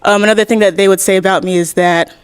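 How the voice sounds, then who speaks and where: A woman in her thirties on a dating show talks herself up with upbeat energy. She speaks quickly and eagerly. Her voice sits at a mid pitch. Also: clean tone. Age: 30s. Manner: upbeat, energetic self-promotion.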